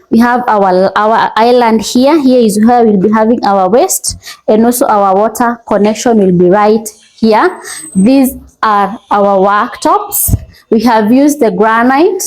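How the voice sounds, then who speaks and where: A woman's voice: on the high side, a little mellow, low-quality recording. A woman with a Kenyan accent gives an informal property walkthrough, approvingly showing off each feature as she presents. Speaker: house tour presenter. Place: indoors in an unfinished house.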